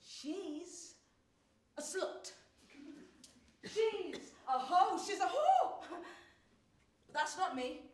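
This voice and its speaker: A wry, lovestruck young graduate with a high voice, on stage. She lingers on her words and mocks herself with dramatic flair. The sound is roomy and heard from far off in a theatre. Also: animated, takes it slowly, fairly bright tone, heavily acted. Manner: dramatic, self-mocking, laughing between lines. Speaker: stage actress performing a monologue. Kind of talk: theatrical monologue.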